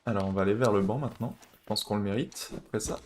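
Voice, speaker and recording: A man's voice: lowish voice, quick pace, a little mellow, slight background noise. A man from France with a French accent, giving casual let's-play commentary while swearing and chatting. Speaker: streamer.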